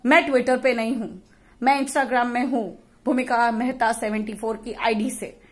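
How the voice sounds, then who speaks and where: A woman vlogger rants with fury and force, hurling insults at her critics. Her voice sits a little higher than most. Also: fairly even intonation, unhurried. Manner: mixes English phrases into Hindi. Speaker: YouTuber. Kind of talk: impassioned vlog rant.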